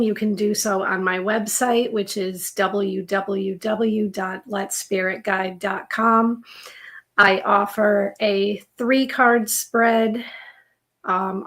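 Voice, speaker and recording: A woman tarot reader talking casually on a live stream, with her voice slightly giving out. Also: mid-range voice.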